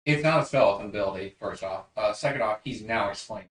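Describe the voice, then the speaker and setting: A man's voice: lowish voice, quick pace. A man running a tabletop game, laughing easily and questioning the players closely. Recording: roomy sound, distant mic.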